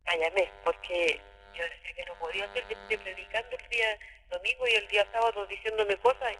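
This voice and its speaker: A woman giving a halting, emotional personal testimony, often repeating her words. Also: mid-range voice, fairly even intonation, a bit bright, long reverb tail, slight background noise, low-quality recording. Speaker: interviewee recounting abuse.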